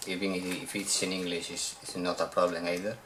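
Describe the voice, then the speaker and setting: A Spanish man with a Spanish accent speaks English in a casual unboxing vlog, showing off the latest video games he has bought for his collection. His deep voice has a flat delivery, and he often halts and repeats words while searching for them. The background is noisy.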